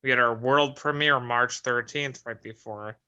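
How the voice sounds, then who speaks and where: A man guest with a very bright, smooth and clear voice, joining over a video call. He speaks in a relaxed, easygoing way about his film. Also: medium pitch, unhurried, lo-fi sound. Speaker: filmmaker guest. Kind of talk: casual interview answers.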